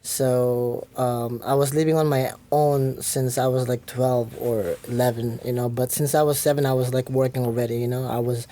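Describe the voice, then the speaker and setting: A man's voice: mid-range voice, flat delivery, moderate pace, hardly any pauses, mellow. A Filipino man in his thirties, a podcast guest talking casually in a rambling storytelling way. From Philippines. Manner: rambling storytelling, frequent "you know" fillers. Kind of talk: casual conversation.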